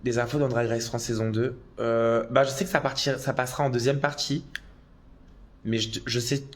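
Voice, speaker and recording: With a mid-range voice at a moderate pace, this man hosts a drag live stream from his phone. He reads out what viewers comment and answers chattily and excitably, breaking into sudden loud outbursts.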